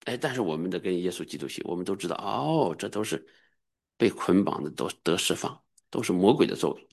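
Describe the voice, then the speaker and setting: A middle-aged man preaching a sermon as a pastor, emphatic and sometimes bursting into high-pitched exclamations. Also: animated, a little fast, gravelly, darkish tone, breathy edge.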